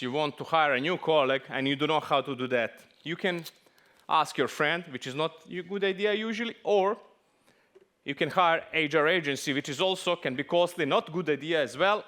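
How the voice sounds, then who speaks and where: A man from Serbia speaks with a Serbian accent and a voice pitched a bit above most men. His English is a second language, and his conference talk is lively and full of small jokes. He sounds middle-aged. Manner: lively, joking, non-native English phrasing.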